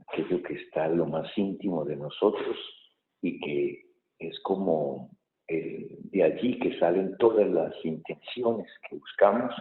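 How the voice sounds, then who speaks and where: A man as a priest reading the Gospel at Mass and giving a homily in a measured way, pausing to think, with a cathedral echo around him. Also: deep voice, slight background noise. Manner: measured reading, thoughtful homily with pauses and fillers. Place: large church. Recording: echoey church hall, tinny phone-like sound.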